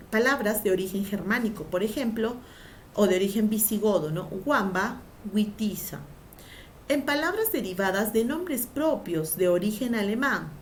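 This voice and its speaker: A woman's voice: medium pitch, slight background noise. A woman teacher giving a grammar lesson, drawing out syllables for emphasis and asking the class questions before answering them herself.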